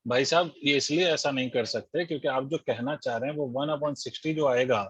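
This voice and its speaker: A man's voice: medium pitch, normal speed, breathy edge, dry recording. A man teaching physics in an online class, working through the steps and quizzing his students as he goes. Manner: explains step by step, quizzes students, mixes English terms into Hindi. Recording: dull lo-fi dry audio.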